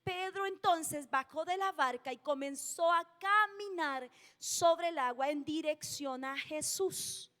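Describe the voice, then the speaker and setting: A woman preaches an emphatic sermon in a very high voice, hammering her key phrases and putting questions to the congregation. Her words trail off into a long church-hall reverb. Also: slow, pushed and bright.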